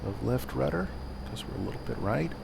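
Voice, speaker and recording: A man giving calm, understated casual commentary as he hosts a flight simulator video, with a gravelly voice. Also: mid-range voice, brisk. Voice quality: gravelly, creaky. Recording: loud engine drone, cockpit noise. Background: aircraft cabin hum from flight simulator.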